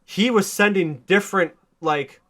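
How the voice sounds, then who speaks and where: A man hosting a podcast, telling a story in excited casual chat, swearing a lot and rising to near shouts. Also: high-pitched, measured pace. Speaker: podcast host.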